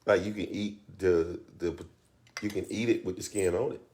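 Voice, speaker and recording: On a church live stream, a male co-host teases his wife affectionately before turning earnest to teach about relationships, the casual chat giving way to instruction. His low voice is steady, a little mellow, and moderately paced.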